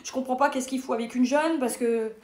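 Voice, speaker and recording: A woman's voice: sits high, steady tone, fairly quick, darkish tone, roomy sound, voice pushed down, natural voice. A woman voicing her naive, hesitant middle-aged friend, who complains with a stammer. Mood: plaintive.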